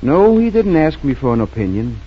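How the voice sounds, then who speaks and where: An actor playing a kindly, gently humorous small-town family doctor in a 1940s radio drama. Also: male voice, fairly high pitch, very animated, brisk, slightly rough. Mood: regretful, pondering. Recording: dull, noisy 1940s radio recording.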